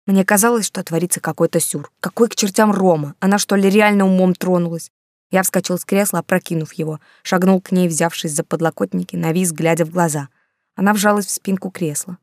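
A woman reading a novel aloud as a measured first-person narrator. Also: on the low side, steady tone, darkish tone, dry recording, studio quality. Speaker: audiobook narrator.

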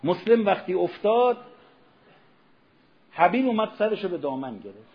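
Male preacher, fairly high voice, emotional storyteller who swells to near-shouting, dull lo-fi recording. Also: very animated. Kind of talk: Ramadan sermon with storytelling.

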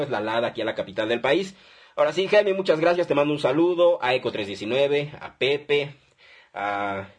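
A man's voice: mid-range voice, husky. A man with a Mexican accent hosting a call-in radio advice show, chatty and upbeat as he reads listener messages and phone numbers.

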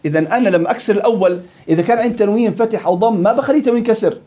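A man's voice: high voice, rapid-fire, muffled recording. A man with a Levantine Arabic accent teaching a tajweed lesson, quizzing his students and repeating words to drill them. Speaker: Quran recitation teacher.

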